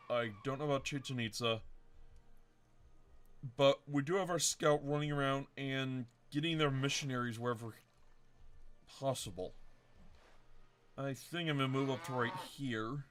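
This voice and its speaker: A man's voice: mid-range voice, fairly even intonation, a little slow, long pauses. A man hosting a let's-play video, casually thinking aloud and correcting himself as he plans his moves. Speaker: game commentator.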